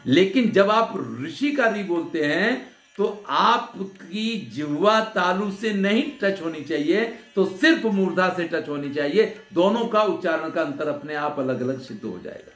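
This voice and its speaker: Male Sanskrit teacher, slightly high voice, slow patient delivery, roomy echo with faint sitar behind. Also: lively intonation, fairly bright tone, soft background music. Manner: patient explaining, asks and answers his own questions. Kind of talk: grammar lecture.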